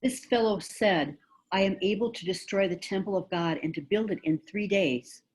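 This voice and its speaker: A woman's voice: medium pitch, normal speed, darkish tone, lightly acted, poor audio. A woman playing a hostile, mocking accuser in a dramatic scripture reading. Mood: accusing. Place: remote recording on a video call.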